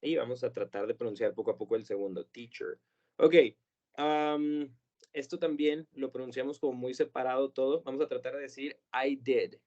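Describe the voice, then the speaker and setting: A male teacher explains pronunciation in a patient, measured way. He repeats model words slowly. His voice sits at a middle pitch, recorded with a dull, lo-fi quality. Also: a little mellow. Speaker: English teacher. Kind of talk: pronunciation lesson.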